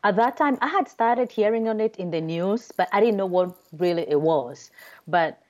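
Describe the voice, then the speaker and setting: A woman's voice: medium pitch, expressive, normal speed. A woman with a Kenyan accent answering interview questions conversationally, explaining things and often checking in with "right?". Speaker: podcast guest, cybersecurity consultant.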